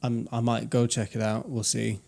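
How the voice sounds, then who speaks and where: A young man co-hosting a podcast speaks at a normal speed in a medium-pitched, slightly mellow voice with vocal fry and little pitch movement. He rambles reflectively in casual conversation, often starting his sentences over.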